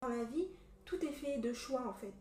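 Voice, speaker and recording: High-voiced young woman, animated, distant echo. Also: normal speed. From Cameroon. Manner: animated storytelling, many fillers. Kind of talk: casual chat. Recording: echoey room from a distance.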